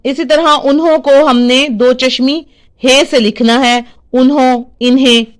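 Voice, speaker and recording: Slow, hesitant Pakistani Urdu woman teaching. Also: high-pitched, steady tone. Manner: hesitant, with frequent fillers and restarts. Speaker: teacher sharing word corrections. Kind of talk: informal spoken lesson.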